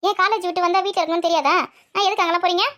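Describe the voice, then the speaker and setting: A woman's voice: very high voice, fairly even intonation, fairly bright tone. A woman voicing a busy mother who scolds and teases her two daughters in a comic family skit. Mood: bossy. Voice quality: quick, bossy and teasing.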